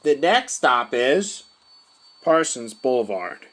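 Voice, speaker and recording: A man's voice: mid-range voice, sing-song, slow pace, fairly bright tone. Man making formal subway announcements.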